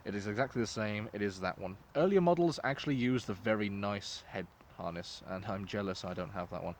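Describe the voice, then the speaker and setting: A man's voice: lowish voice, fairly quick, slight background noise. A man giving a casual, informal product review as the host, talking in a loose, sweary way. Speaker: host reviewing gas masks.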